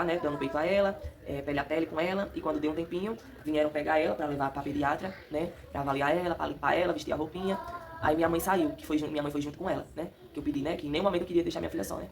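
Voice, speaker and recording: A woman's voice: low voice, gravelly. A young woman chatting casually to her viewers, emotional and laughing as she tells her story at home. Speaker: vlogger. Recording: noisy home recording.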